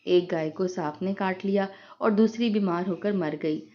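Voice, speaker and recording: A woman voicing a tearful, worn-down older mother who speaks softly and sorrowfully in a dull lo-fi recording. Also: mid-range voice, close to an everyday voice.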